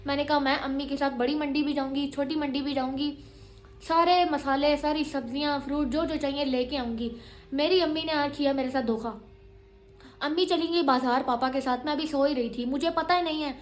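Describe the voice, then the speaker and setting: A woman's voice: sits high, fairly even intonation, a little fast. A young woman, chatting dramatically in a casual home vlog. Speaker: vlogger.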